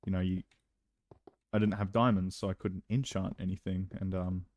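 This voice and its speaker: A young man giving casual let's-play commentary, chatty and rambling, breaking into excited outbursts now and then. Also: sits low, normal speed. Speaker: gameplay commentator.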